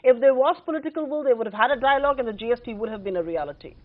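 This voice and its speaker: Fast, high-voiced Indian woman news anchor, tinny audio. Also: animated. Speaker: TV news anchor, debate moderator. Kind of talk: live panel debate moderation.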